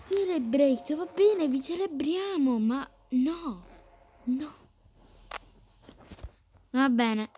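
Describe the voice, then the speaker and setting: A woman giving excitable, chatty commentary while playing a game, talking to her viewers and to the game characters. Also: high voice, extremely slow, long pauses, a little hiss or hum. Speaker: gaming streamer. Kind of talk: playful gameplay commentary.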